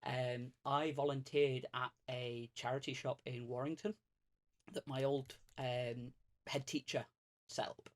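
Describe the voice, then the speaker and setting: A man's mid-range voice holds a level tone at a measured pace. He's from Greater Manchester, England, and chats casually as a streamer's podcast guest, rambling and self-deprecating with many fillers and restarts.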